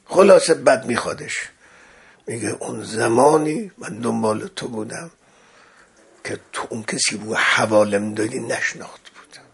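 Male preacher, gravelly rasp, husky tone, storytelling sermon with dramatic loud and soft swings. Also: medium pitch. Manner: dramatic swings of loudness, acts out quoted dialogue.

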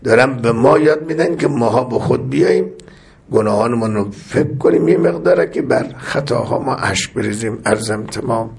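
A man's voice: mid-range voice, animated, gravelly, darkish tone, slight background noise. Impassioned male preacher. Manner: impassioned, rhythmic repetition; recites Arabic prayer phrases. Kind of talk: religious sermon.

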